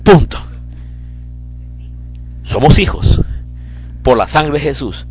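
A man's voice: on the high side, expressive, slow, a little mellow, soft background music. A man preaching a sermon as pastor, impassioned and fervent, building into cries.

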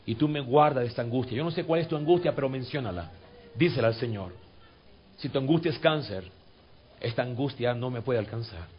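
A pastor leading his congregation in a sermon and guided prayer. He repeats scripture lines, swells to fervent peaks and sinks to soft, coaxing tones. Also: mid-range voice, lively intonation, fast, muffled recording. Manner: repeats phrases and drills scripture.

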